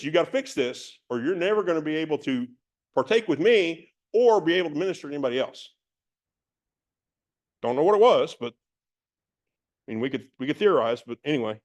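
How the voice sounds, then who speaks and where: Male Bible teacher, slightly higher voice, relaxed conversational verse-by-verse teaching. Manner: conversational, reads verses from several translations.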